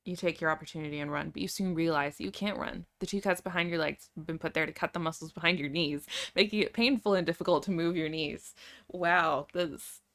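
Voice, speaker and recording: A woman's voice: low-pitched, steady tone, a little fast, fairly bright tone. A young woman YouTuber reading a story aloud, with wry, sarcastic asides.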